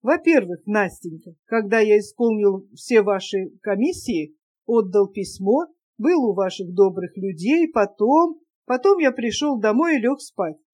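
A woman's voice: medium pitch, expressive, measured pace, darkish tone. A woman voicing a shy, lovesick young man who speaks in an earnest, pleading, heartfelt way, in an audiobook reading. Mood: wistful, pleading.

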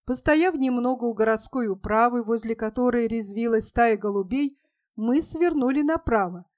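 Woman narrator, high voice, steady storytelling read, dry close sound. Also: normal speed, dry recording. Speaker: audiobook reader. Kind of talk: scripted narration.

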